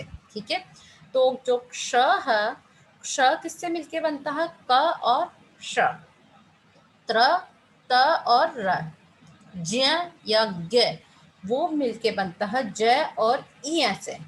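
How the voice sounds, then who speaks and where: A woman's voice: a little high, fairly bright tone, a little hiss or hum, low-quality recording. A young woman teaching Hindi grammar to students, explaining patiently and answering her own questions. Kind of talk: classroom-style lesson to students.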